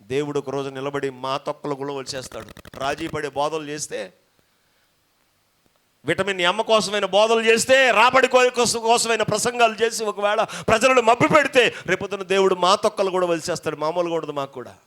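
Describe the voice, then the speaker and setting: A man preaches in a high, bright and clear voice that cuts through the church. He swings from near-shouted climaxes down to hushed, low asides to his congregation. Between points he calls for praise and hallelujah. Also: brisk. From coastal Andhra Pradesh, India. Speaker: pastor. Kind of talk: Telugu sermon to a congregation. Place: church before a live congregation.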